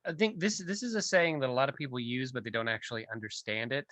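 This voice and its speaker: A man's voice: mid-range voice, quick pace, fairly bright tone, no room sound. A man co-hosting a podcast in casual chat, making dry, wry comments. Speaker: podcast co-host.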